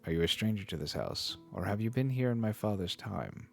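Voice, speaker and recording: A man's voice: on the low side, big pitch swings, brisk, gravelly, soft background music, voice pushed up. A man reading an earnest young prince. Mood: questioning. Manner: earnest, read-aloud delivery. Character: young man, anxious prince questioning a guest. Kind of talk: reading a classic epic aloud on stream.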